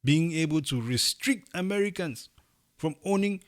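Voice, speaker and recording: A young man from Cameroon co-hosting a casual opinion chat, talking emphatically and rising into animated bursts. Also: fairly high pitch, moderate pace. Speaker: podcast co-host.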